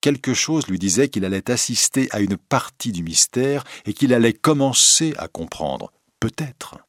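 A man reading a story aloud in measured, dramatic narration. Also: mid-range voice, lively intonation, dry recording, clean studio sound.

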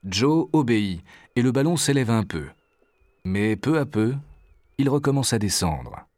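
A man narrating a storybook adventure in a measured, expressive reading. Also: mid-range voice, no echo, studio quality.

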